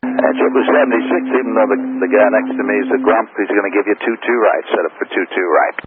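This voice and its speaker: A man working as an air traffic controller, giving quick, casual, teasing calls over a radio broken by static bursts. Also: fairly low pitch. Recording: tinny radio with loud static.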